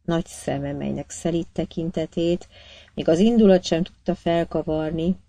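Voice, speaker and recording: A woman narrating an audiobook in a measured, even storytelling manner. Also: low voice, creaky, no echo. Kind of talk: scripted narration.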